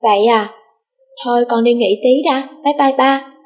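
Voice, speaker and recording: A woman's voice: fairly high pitch, normal speed, a little mellow, natural voice. A woman voicing a cheerful, spoiled young rich girl in an audiobook, bubbly and cutesy. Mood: sweet, excited. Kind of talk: audiobook character voice.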